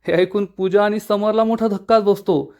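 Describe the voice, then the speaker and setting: A man's voice: high-pitched, steady tone, moderate pace, a little mellow. Man narrating a TV serial recap. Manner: dramatic storytelling, quoting characters.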